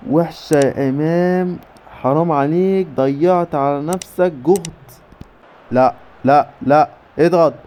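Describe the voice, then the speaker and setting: An Egyptian man commentating his own football video game match with rapid bursts of player names and cheering. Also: a little high. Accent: Egyptian Arabic. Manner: rapid name-calling bursts, cheering shouts. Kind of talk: excited play-by-play game commentary.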